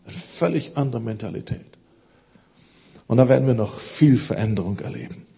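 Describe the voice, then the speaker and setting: A man preaching a sermon, emphatic, pushing his voice up to stress key words and dropping low and quiet for solemn lines. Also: moderate pace, creaky, slight background noise.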